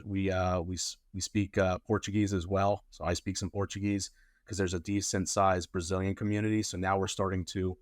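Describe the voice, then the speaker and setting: A man's voice: sits low, no echo, studio quality. A man in his thirties, born in Colombia, answering interview questions as a guest lawyer in a rambling, casual way with many fillers.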